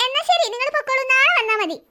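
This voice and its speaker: A stern female teacher in a cartoon talks firmly to a new pupil, as a voice actor plays her. Her voice is high, quick and bright. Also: animated, exaggerated voice. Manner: firm, coaxing.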